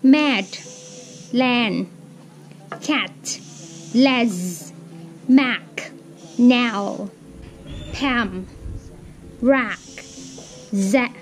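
A Thai-accented woman teacher reads practice words aloud very slowly and carefully, one word at a time, with a high voice. Her delivery is deliberate and clearly articulated, like a pronunciation drill. Faint music plays underneath. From Thailand. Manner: deliberate, clearly articulated reading with small slips and laughs. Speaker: English teacher. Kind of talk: slow word-by-word pronunciation drill and casual explanation.

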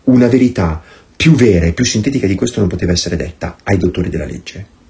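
A man's voice: sits low, expressive, quick pace, gravelly, a little mellow. A man giving a priest's meditation in an impassioned, sarcastic and emphatic way. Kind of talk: recorded meditation, sermon-like.

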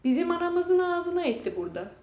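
A woman's voice: very high voice, big pitch swings, brisk. A woman YouTuber venting in a casual vlog, exasperated and swearing as she shows damage to her room. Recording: dull, echoey room sound.

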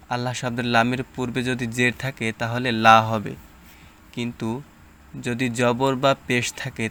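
A man leads a recitation lesson at a very slow, deliberate pace. He explains each rule, then sounds out letters and syllables one at a time. His voice is smooth and clear, with little rise or fall. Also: medium pitch, a bit bright. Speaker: Quran reading teacher.

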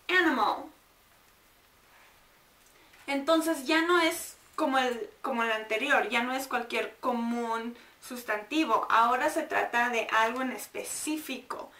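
High-voiced woman teaching, echoey room. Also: a bit bright, distant mic. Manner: drills words slowly, repeating and sounding them out. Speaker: English teacher. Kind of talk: bilingual grammar lesson.

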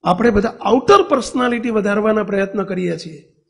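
A man's voice: sits high, a little fast, vocal fry. A man with a Gujarati accent giving a devotional sermon, telling stories and asking the audience questions. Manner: storytelling, asks the audience questions. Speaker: preacher.

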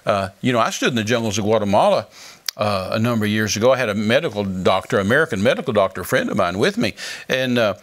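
A man's voice: on the low side, lively intonation, fast. A male guest minister earnestly telling a dramatic testimony in conversation.

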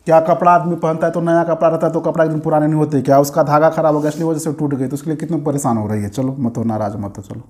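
A man's voice: on the high side, steady tone, racing, hardly any pauses, a little mellow. A man hosting a home vlog, coaxing and soothing his wife by repeating himself over and over. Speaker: vlog host. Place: home room.

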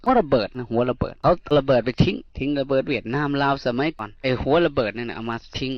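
A man's voice: mid-range voice, fast talker, no echo, dull audio. A middle-aged Buddhist monk from Northeast Thailand with an Isan accent, giving a folksy dharma sermon and repeating key words as he tells stories. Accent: Isan Thai.

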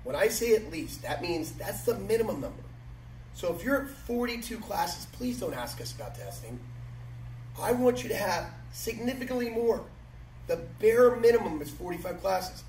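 A man's voice: high-pitched, animated, normal speed, a little mellow. A middle-aged man giving instruction to martial arts students, emphatic and repeating his key phrases. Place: large matted martial arts gym, indoors. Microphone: camera several metres away. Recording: echoey hall, distant mic, background noise.

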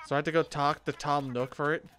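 A man's voice: on the high side, fairly even intonation, fast talker, fairly bright tone. A young man casually commenting while playing a video game, joking and laughing to himself. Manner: joking, laughs between lines. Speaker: streamer. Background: game music.

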